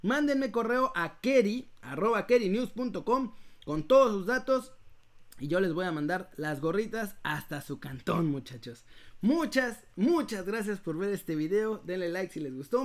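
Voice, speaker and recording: A man with a Mexican accent hosting a casual live giveaway, speaking to viewers like a playful, animated prize announcer. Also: high-pitched. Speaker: host of an online news channel running a live giveaway.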